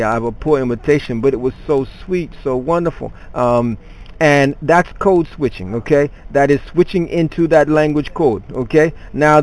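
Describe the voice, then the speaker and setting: A man leads an online class, speaking loosely to his students. He talks off the cuff, often stalling on fillers and restarting his sentences. His pitch sits in the middle range for a man. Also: a little mellow, poor audio. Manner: rambling, many fillers and restarts. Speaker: teacher.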